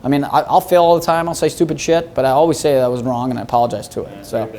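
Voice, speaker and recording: A man talks fast and bluntly in a casual interview, swearing freely as he tells animated stories. His voice sits in a middle register, and his quick, punchy delivery rarely slows down. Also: mid-range voice. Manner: blunt, profane, animated storytelling. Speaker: real estate broker, guest.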